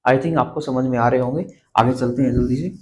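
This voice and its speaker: A male grammar teacher giving a blackboard lesson on letters, slowly repeating each term and asking the viewer to say it back. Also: medium pitch, steady tone, a little mellow, a little hiss or hum, rough recording. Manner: slow, repeats terms and quizzes the viewer.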